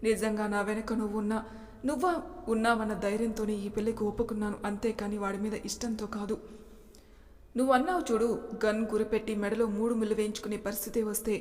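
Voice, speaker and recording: A woman's voice: mid-range voice, little pitch movement, fast, a little mellow, lightly acted. A woman voicing a frightened young woman who pleads through tears, recorded with a long reverb. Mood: pleading. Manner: pleading, crying.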